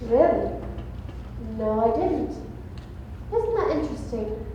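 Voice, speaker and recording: A woman's voice: fairly high pitch, very animated, takes it slowly, mellow, lo-fi sound. A woman on a stage playing a glamorous, affected actress with a theatrical, swooning delivery in a live play. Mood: arch, sweet. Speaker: stage actor. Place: large auditorium stage. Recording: echoey hall, faint room noise.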